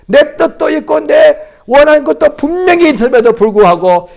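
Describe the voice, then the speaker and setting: A male pastor preaching at a Friday prayer meeting, swinging from loud surges to hushed drops and repeating phrases for emphasis. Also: very high-pitched, normal speed, vocal fry.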